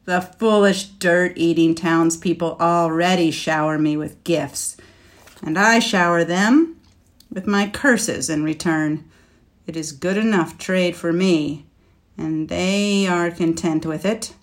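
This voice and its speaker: A woman doing a huge, menacing storybook dragon who sneers at everyone, his voice low and deliberate. Each word comes slow and heavy with contempt, pressed out with extra force. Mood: scornful. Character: proud scornful male dragon, huge and menacing. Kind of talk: storybook reading.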